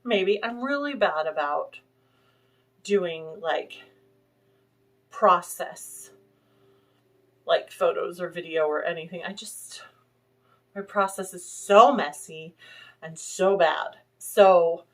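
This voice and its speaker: A woman's voice: lowish voice, slow pace, long pauses, a bit bright. A woman hosting a casual vlog from her home sewing room, chatting in a rambling way and showing things to the camera. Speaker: vlog host. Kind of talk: casual chat.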